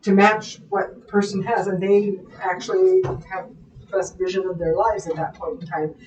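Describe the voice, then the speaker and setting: A woman's voice: mid-range voice, flat delivery, moderate pace, darkish tone, distant mic. Giggly Midwestern American woman, echoey and off-mic. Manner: giggly, storytelling, trails off mid-sentence. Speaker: co-host of a live quilt shop show. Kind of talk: casual live-stream chat. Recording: echoey room, voice off-mic, faint hum.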